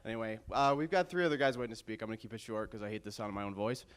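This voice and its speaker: A man giving a jokey, self-mocking wedding toast about the groom, with bursts of loud teasing. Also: lowish voice, animated, racing. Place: wedding venue.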